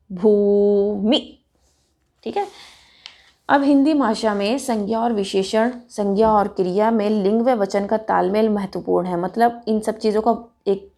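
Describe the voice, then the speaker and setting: A woman teaching a Hindi grammar lesson for children, pronouncing each word slowly and deliberately. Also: mid-range voice, warm tone. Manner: slow and deliberate, drawing out words.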